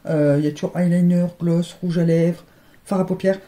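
A woman's voice: fairly low pitch, fairly even intonation, normal speed, background noise. A woman vlogger chatting casually while unboxing, often stumbling and repeating words. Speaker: beauty vlogger. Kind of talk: casual chat unboxing advent calendars.

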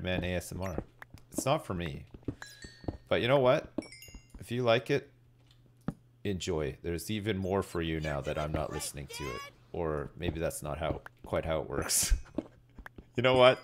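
Low-voiced, laid-back man streaming a game. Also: lively intonation, moderate pace, noisy background. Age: middle-aged. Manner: rambling, laid-back, sweary. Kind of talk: casual live gaming commentary, chatting with viewers. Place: indoors at a desk, streaming.

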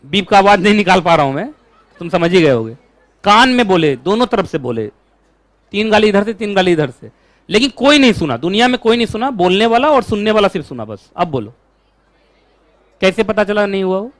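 Male law lecturer, animated, keeps questioning the class; higher voice, dry close recording. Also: fairly quick, dry recording. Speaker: law teacher.

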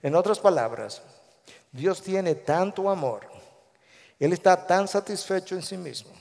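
A male pastor with a Guatemalan Spanish accent preaching a sermon in a large church, animated, acting out the voices he quotes. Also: high voice. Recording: long echo of a large church hall.

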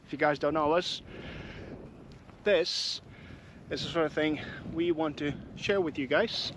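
An English man chats casually to the camera as he walks hilly countryside trails. His voice sits slightly high and sounds friendly and unhurried. Faint open-air ambience runs behind him. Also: noisy background. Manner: chatty, friendly, talks while walking uphill. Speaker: hiking vlogger. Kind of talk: casual walking vlog chat to camera. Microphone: camera mic while walking.

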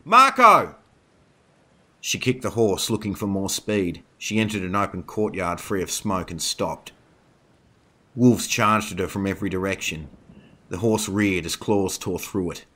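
A man narrating a werewolf horror story in a steady, scripted reading. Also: deep voice, moderate pace, breathy edge.

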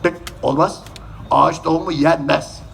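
A man's voice: on the high side, steady tone, normal speed, creaky, a bit bright, a little hiss or hum, pitched below the performer's own voice. A man voicing a grumpy, exasperated bearded man in a shadow puppet show, scolding the child.

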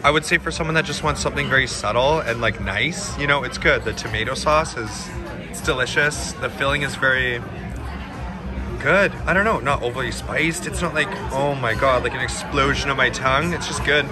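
A man's voice: mid-range voice, fairly quick. A young man vlogging a restaurant review, chatting candidly and jokingly, swearing freely, filmed on a phone at arm's length. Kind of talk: casual chat. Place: upscale restaurant, then city street outdoors. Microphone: phone held at arm's length. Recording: background music and crowd chatter.

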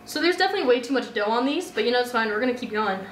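A woman's voice: on the high side, lively intonation, racing. A young woman hosting a casual cooking video, chatting and giving updates on her progress. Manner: chatty, giggly, keeps updating viewers. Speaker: host. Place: home kitchen. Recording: echoey kitchen with faint noise.

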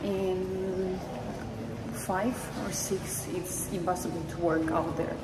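A woman vlogger narrating her day in relaxed, chatty, slightly broken English over loud music. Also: lowish voice, slow, very noisy. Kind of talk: casual vlog narration.

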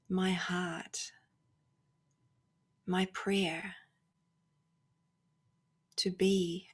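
Leading a guided spiritual meditation, a woman with a fairly low, slightly rough voice speaks softly and reflectively. Her short phrases are separated by long pauses, and she frequently drops nearly to a whisper.

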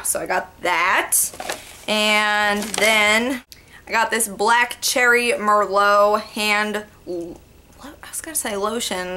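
A young woman talks straight into her webcam in a small bedroom, loose and rambling, her speech full of little fillers. Her tone is bright and crisp, sitting at an ordinary pitch. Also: slight background noise. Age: young adult. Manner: chatty, rambling, lots of "like" and "yeah". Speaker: beauty vlogger. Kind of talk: casual haul vlog. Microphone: webcam in front of her.

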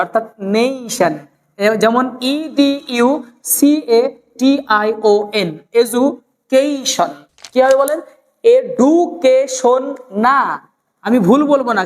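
A woman teaching an English pronunciation class, fairly high-voiced. She stretches each word slowly, repeats it and quizzes the viewer. The sound carries a long echoing reverb. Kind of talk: spoken English lesson.

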